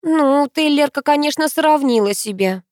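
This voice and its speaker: A woman reading an audiobook, voicing a young female student who is a hesitant, soft-hearted friend. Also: high-pitched, animated, normal speed, dry recording, studio quality, pitched above the performer's own voice. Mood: placating. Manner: sighing, hesitant, placating.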